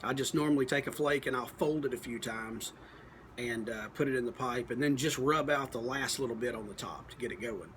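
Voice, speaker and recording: A man giving a casual, unscripted product review, thinking aloud in a halting, folksy, plain-spoken way. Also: mid-range voice, fairly bright tone, a little hiss or hum. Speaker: pipe tobacco reviewer.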